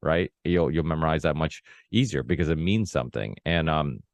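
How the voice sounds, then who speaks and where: Hosting a casual, long-form podcast chat, a native Portuguese speaker born in Portugal, around forty, rambles and keeps restarting, peppering his talk with "you know, like". He has a bass voice and a brisk pace, and the recording is dry.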